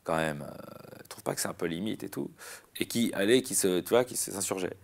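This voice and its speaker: A man, a comedian chatting in an interview, rambling and animated with many restarts. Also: low voice, normal speed, vocal fry. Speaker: comedian guest. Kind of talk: casual interview chat.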